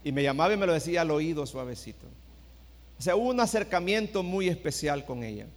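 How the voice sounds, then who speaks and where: A middle-aged pastor preaches with a fairly high voice, dropping to a hush and then rising to a shout as he tells his story. The sound carries the long reverb of a large church hall. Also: expressive, fast. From El Salvador. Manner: storytelling, swings from hushed to shouted. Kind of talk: sermon.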